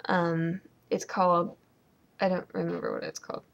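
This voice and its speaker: A woman's voice: fairly low pitch, lively intonation, moderate pace, creaky, dull audio. Young woman ranting in a casual home vlog. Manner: ranting, sarcastic, rambling with many ums. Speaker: vlogger.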